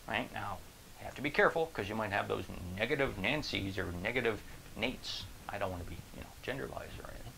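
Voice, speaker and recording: A man in his forties, a motivational speaker, talking straight to the camera in an animated, joking way, recorded on a lapel mic in a small room. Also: on the low side, fast, vocal fry, a little hiss or hum, rough recording. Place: small indoor room with a screen behind.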